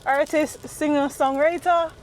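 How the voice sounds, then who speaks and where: High-voiced woman in a car. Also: fairly even intonation, unhurried, poor audio. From Barbados. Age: 30s. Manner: chatty, laughing, joking. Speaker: vlogger. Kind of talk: casual vlog chat while driving. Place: car on a road. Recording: road noise in a car.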